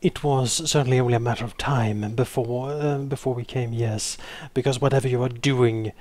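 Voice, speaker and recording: A proud, ancient necromancer, played by a man at a gaming table. He declaims in stately, formal phrases at a medium male pitch. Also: fairly even intonation, normal speed, darkish tone, dry recording, close to an everyday voice. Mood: haughty, measured.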